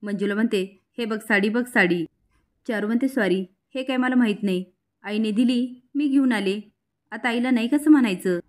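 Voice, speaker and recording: Woman, storyteller recap, quoted lines stressed, a touch high-pitched. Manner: narrates briskly, voicing each character's lines with rising emphasis. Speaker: serial episode recapper. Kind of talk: retelling a TV serial episode with quoted dialogue.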